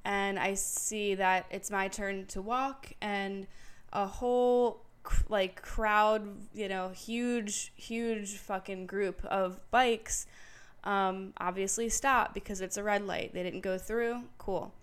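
A woman in her late twenties hosting a podcast, telling a story in casual chat, candid and profane, growing louder and more heated as she recounts it. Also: mid-range voice, fairly even intonation, slow, clean tone. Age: late 20s. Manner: candid and profane, retelling with emphatic repetition. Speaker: podcast host. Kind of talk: casual solo storytelling monologue.

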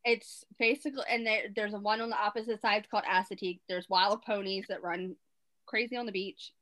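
A woman's voice: medium pitch, steady tone, fairly quick, noisy background. A woman with a Baltimore accent chatting casually and telling anecdotes. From Baltimore, USA. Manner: anecdotal storytelling. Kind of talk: casual chat.

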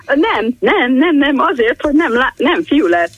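A woman's voice: high voice, big pitch swings, no room sound, dull audio. An older woman, a retired teacher, calling in to a radio show and telling long, digressive stories with many restarts. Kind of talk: call-in radio chat.

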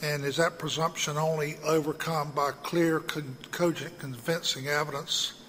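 Bright-voiced male judge in an echoey courtroom. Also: fairly high pitch, little pitch movement, moderate pace. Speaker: presiding appellate judge. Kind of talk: formal courtroom questioning. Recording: echoey hall with faint noise.

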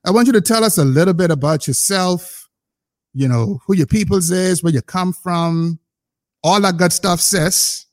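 A man hosting a podcast in a casual, playful chat, stretching out words for emphasis. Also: high-pitched. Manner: animated, playful, drawn-out emphasis. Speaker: podcast host.

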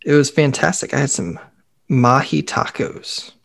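A man's voice: mid-range voice, lively intonation, unhurried, creaky. Young man chatting on a podcast. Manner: rambling, lots of "like" fillers. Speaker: podcast co-host. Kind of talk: casual chat.

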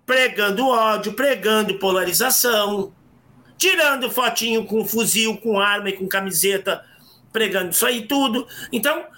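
A man, co-hosting a casual chat and telling stories with lively acted quotes and frequent restarts. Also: sits high. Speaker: podcast co-host.

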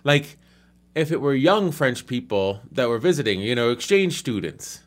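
Guy talking through a movie with a friend, mid-pitched, gets animated, does little voices for people. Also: moderate pace. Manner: animated, acts out quoted people. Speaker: co-host discussing a film. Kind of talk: casual chat.

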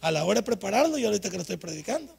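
An older man preaching a humorous, scolding sermon at a night vigil, with sudden loud outbursts. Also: sits high, big pitch swings, very fast, big-room sound. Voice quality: raspy, gravelly. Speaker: pastor.

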